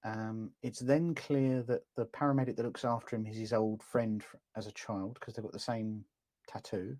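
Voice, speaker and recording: A man co-hosting a bad-film podcast, recapping a plot with a wry tone, pausing often on ums and uhs. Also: fairly low pitch, fairly even intonation, a little mellow, dry recording. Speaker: podcast co-host. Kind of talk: casual film-review chat.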